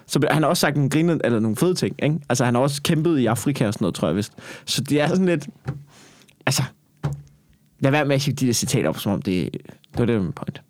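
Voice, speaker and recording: A man's voice: medium pitch, animated, no room sound. A man in casual comedic banter, rambling and swearing a lot with many fillers.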